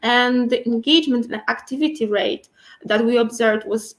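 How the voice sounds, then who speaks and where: Higher-voiced woman talking with braces. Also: normal speed. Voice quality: speaking with dental braces, slightly impeded articulation. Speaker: guest speaker, internal communications and IT professional. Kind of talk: explanatory interview answers.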